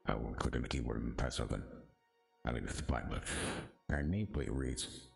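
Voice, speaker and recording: A man's voice: extremely low pitch, normal speed, gravelly, breathy edge, faint music behind. A man hosting a game playthrough, reading the text aloud with casual commentary. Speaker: gaming host and narrator.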